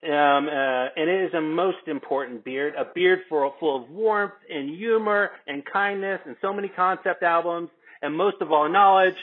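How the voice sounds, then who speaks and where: Over a remote video call with tinny, phone-like audio, a man with a slightly high voice reads scripted introductions and narration at a moderate pace as a co-host.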